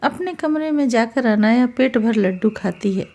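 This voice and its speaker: A woman calmly narrating a scripted moral story. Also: fairly high pitch, moderate pace.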